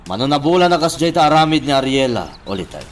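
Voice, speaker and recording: A man's voice: mid-range voice, very animated, fast, recorded from a distance, slight background noise, close to an everyday voice. A man voicing a tired young nephew who speaks plaintively, in a radio drama.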